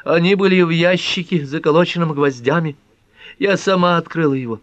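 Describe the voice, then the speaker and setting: A man's voice: a little high, a little fast, no room sound, dull audio, voice pushed up, natural voice. A man voicing a young woman with a trembling, pleading voice. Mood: shaky pleading.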